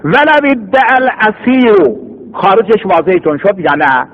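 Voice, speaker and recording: A high-pitched man lectures on religious law, reading passages aloud and then explaining them with lively acted-out scenes. The recording is dull and lo-fi, with the top end muffled. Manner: animated, acts out scenes to explain.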